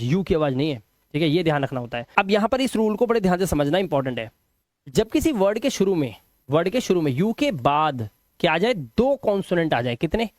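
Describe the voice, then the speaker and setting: A man with a fairly high voice and a Hindi accent teaches English pronunciation rules. He repeats example words slowly and keeps reassuring his students. The sound is close and dry. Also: a little mellow, no room sound. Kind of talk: classroom lesson explaining rules.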